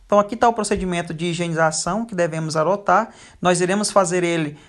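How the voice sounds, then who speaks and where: A teacher giving a recorded lecture over slides, pausing often with fillers. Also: mid-range voice. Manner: frequent hesitation fillers.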